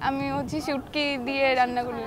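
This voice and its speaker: A young woman, a boxer guest telling lively stories in a casual interview. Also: high voice, moderate pace. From Bangladesh. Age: young adult.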